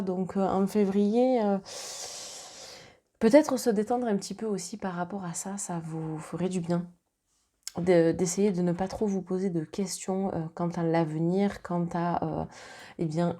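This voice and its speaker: Warm and mid-range, the voice belongs to a tarot reader from southern France who has a Marseille accent. She chats her way through a relaxed reading, reassuring the listener while stumbling into plenty of fillers and restarts.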